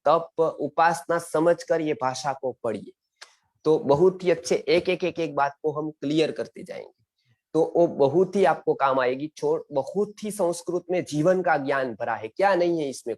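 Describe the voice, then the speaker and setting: A man's voice: fairly high pitch, a little mellow. A man teaching a Sanskrit class online, earnest and exhortative, often repeating questions to his students. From India.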